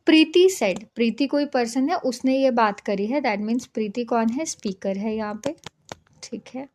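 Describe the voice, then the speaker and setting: A woman's voice: a little high, measured pace, a little mellow, a little hiss or hum. A woman teaching an exam-prep reasoning lesson, explaining step by step and often checking in with "okay". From India. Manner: patient, repeats "ठीक है" to check understanding.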